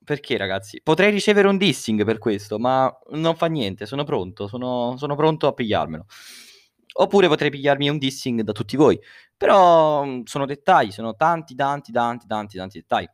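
A young man hosts a solo podcast, speaking through a face mask into a close microphone. His voice sits at an average pitch in a very dry space. He rambles casually and jokingly, often correcting himself mid-thought. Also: expressive, normal speed, no room sound. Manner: rambling, self-correcting, uses swear words. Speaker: podcast host. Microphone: close podcast microphone, dry sound.

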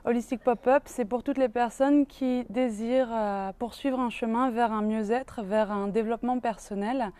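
Bright-voiced woman host. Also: fairly high pitch, fairly even intonation, normal speed, hardly any pauses. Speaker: interviewer host. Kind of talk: touring interview introduction.

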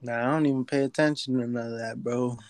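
A man's voice: medium pitch, fairly even intonation, fast talker, darkish tone, clear, resonant tone, no echo. A young man co-hosting a casual podcast, talking in a laid-back, slangy way. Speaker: podcast co-host. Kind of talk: casual chat.

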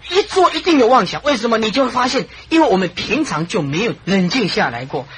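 A Buddhist monastic gives a dharma talk with a very lively, swooping voice. The teacher chuckles often, repeats phrases for emphasis and tells stories with animation. A faint hiss of noise sits under the recording. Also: medium pitch, quick pace, low-quality recording. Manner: animated storytelling with frequent chuckles and repetition.

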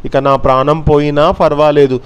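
Man doing a sly pleading crow minister, smooth clear voice, storytelling fable. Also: a little high, flat delivery, normal speed, lightly acted. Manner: pleading, self-pitying. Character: cunning male crow minister pleading with owls.

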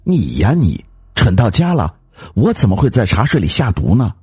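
Scheming shrill wife in an audio story, voiced by a man, bossy and sharp-tongued, pitched way up over a husky, gravelly base. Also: huge pitch swings, moderate pace, no room sound, studio quality, heavily acted.

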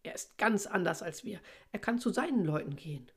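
Anton: Frau spricht ein hochnäsiger Fischbruder. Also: female voice, lowish voice, expressive, brisk, slightly rough. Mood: snooty. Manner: annoyed, condescending. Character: snooty older brother fish, dismissive.

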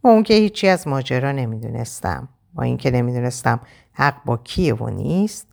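A woman's voice: very deep voice, lively intonation, gravelly, a little mellow. A woman reading a dramatic story aloud in first person, narrating expressively.

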